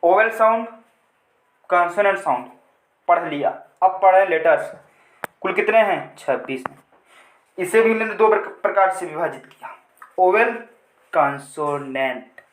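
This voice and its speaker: This male teacher, speaking in a high, expressive voice, takes his time with long pauses in an echoey room. He teaches English in Hindi, repeats points, answers his own questions, and treats his viewers as friends.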